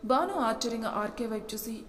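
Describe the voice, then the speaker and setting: A woman reading a story aloud as narrator, steady and expressive. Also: a little high, fairly quick. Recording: echoey room with long reverb.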